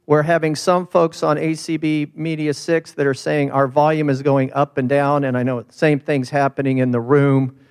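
A man's voice: fairly high pitch, flat delivery, moderate pace, a little mellow, clear, resonant tone. A man chairing a meeting informally, his voice slightly muffled by a mask over his mouth, talking into a close handheld microphone. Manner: speaking through a mask, mouth covered. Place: conference meeting room with sound system. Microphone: handheld microphone held close to mouth.

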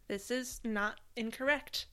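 A woman's voice: fairly high pitch, fairly even intonation, unhurried, fairly bright tone. A young adult woman co-hosting a podcast, chatting casually and laughing often between sentences. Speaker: podcast co-host. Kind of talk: casual chat.

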